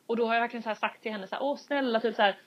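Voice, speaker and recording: A young woman in casual podcast chat, telling a story with lively acted-out quotes and casual swearing. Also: on the high side. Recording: dull lo-fi sound.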